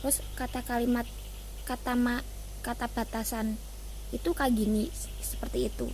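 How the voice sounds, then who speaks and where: Young indonesian woman explaining class stuff, kinda high voice, lots of umms and restarts, faint hiss behind. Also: steady tone, moderate pace, a little mellow. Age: young adult. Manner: hesitant, many fillers and restarts. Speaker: student presenter. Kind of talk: casual class presentation.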